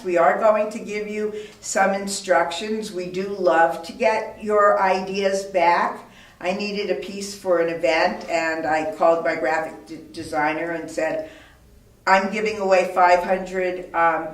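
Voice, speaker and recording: A woman giving an informal instructional talk as a business owner, offering practical advice in an emphatic way. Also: on the low side. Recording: roomy, echoey, distant microphone.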